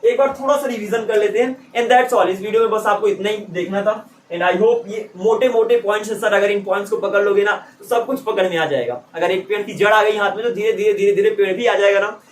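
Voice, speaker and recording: A male teacher walks through pronunciation rules, his high voice bright and animated as he repeats example words for the class to echo back. He is recorded from some distance, with the sound bouncing around an echoey room and a faint hum of ambience underneath. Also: a little fast, hardly any pauses. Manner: lively teacherly, repeats words for students to echo, chuckles to himself. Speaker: English teacher. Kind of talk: explaining pronunciation rules in a lesson.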